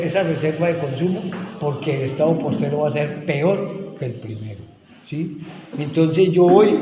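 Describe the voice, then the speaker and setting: Middle-aged man, earnest testimony, slightly high voice, reverberant hall, faint noise. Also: warm tone. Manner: earnest, emotional storytelling with quoted dialogue. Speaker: testimony speaker at a rehab ministry. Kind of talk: personal testimony.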